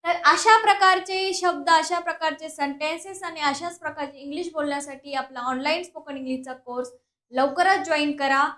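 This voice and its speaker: A woman teacher giving a bilingual spoken English lesson, saying English sentences slowly and explaining them quickly. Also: sits high, fairly even intonation, sharp tone, roomy sound. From India. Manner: slow, drawn-out English model sentences, then quick explanations.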